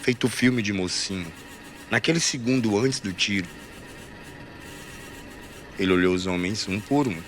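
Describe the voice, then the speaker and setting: A man with a Brazilian accent reading a literary short story aloud in a measured, expressive way. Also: on the low side. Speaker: story reader.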